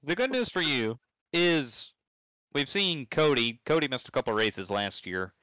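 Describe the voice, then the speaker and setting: A man's voice: mid-range voice, unhurried, no room sound, low-quality recording. A man commentating and interviewing a driver in a chatty, stumbling casual way. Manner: lively, chatty, stumbles and repeats words.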